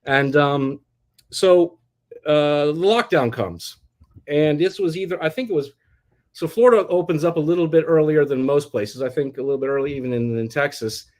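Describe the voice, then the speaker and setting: Speaking at a normal pace in a fairly high, somewhat mellow voice, a middle-aged American man tells his life story as an interview guest. The casual personal storytelling rambles, with many restarts and fillers.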